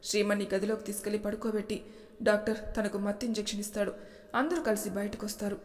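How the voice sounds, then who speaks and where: Woman, storyteller, flat steady narration, mid pitch, echoey room. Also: quick pace.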